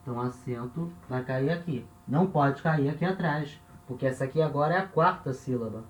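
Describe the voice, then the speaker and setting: Speaking a little fast at medium pitch, a man with a Brazilian Portuguese accent leads a patient grammar lesson at a board, repeating key points and pausing to check in with listeners. There's slight background noise and an echo from the room.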